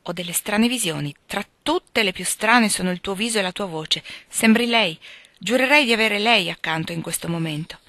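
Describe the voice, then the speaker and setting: A woman's voice: medium pitch, moderate pace, pushed and bright, no echo. A woman reading aloud, voicing a feverish, delirious dying man who pleads and rails in agitation. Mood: feverish, pleading.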